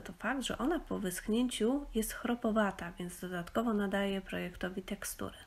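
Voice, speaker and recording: Woman explaining craft pastes, filler-heavy. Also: medium pitch. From Poland. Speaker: craft tutorial presenter. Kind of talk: casual instructional voice-over.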